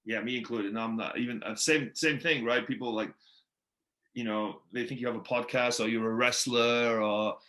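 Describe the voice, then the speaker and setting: A Welsh-accented man whose first language is Welsh hosts a podcast interview, keeping it laid-back and chummy and laughing often. His voice is medium-pitched and sharp, with fairly even intonation and a moderate pace, in a roomy, echoey recording.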